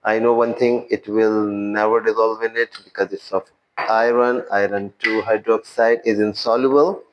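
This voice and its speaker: Slow, deliberate male chemistry teacher. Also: on the low side, level tone, lo-fi sound, background noise. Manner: explains in a mix of Hindi and English, addressing students; slow and deliberate, reading steps aloud. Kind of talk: lab demonstration lesson.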